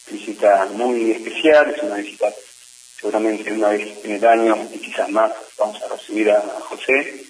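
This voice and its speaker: Low-voiced man introducing a guest. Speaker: club host. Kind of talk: formal introduction. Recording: distant mic with faint noise.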